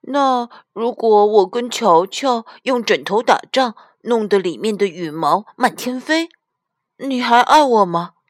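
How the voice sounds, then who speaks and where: A woman's voice: fairly high pitch, animated, unhurried, dry recording, clean studio sound, voice pushed up. A woman voicing a curious little girl bear cub in a storybook, asking question after question in a pleading way.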